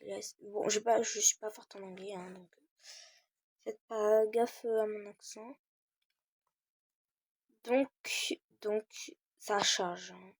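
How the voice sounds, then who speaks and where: A woman's voice: medium pitch, fairly even intonation, takes it slowly, gravelly, pauses often, breathy edge, dry recording. A teenage girl giving a casual screen-recorded game tutorial, hesitating often with fillers while she searches.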